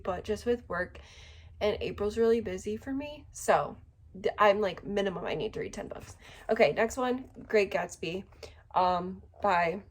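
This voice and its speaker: A young woman chats casually on her book vlog, wandering off topic and poking fun at herself. She leans on "like" constantly. Her voice sits at a medium pitch. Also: slight background noise. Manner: rambling, heavy use of filler "like"; self-deprecating, jokey. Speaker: book vlogger. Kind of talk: casual chat.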